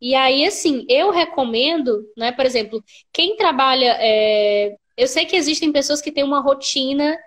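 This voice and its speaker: High-voiced Brazilian woman explaining. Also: normal speed, few pauses, fairly bright tone. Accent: Brazilian Portuguese. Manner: explanatory, lots of filler tags. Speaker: guest, writing teacher. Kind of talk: casual interview chat.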